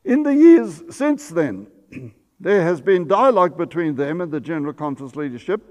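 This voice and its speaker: A man in his eighties, a pastor, giving a measured history lecture while seated at a table in a church, sometimes correcting himself. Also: on the high side, sing-song, a little mellow. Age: 80s. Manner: measured storytelling, some self-corrections. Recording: long church reverb.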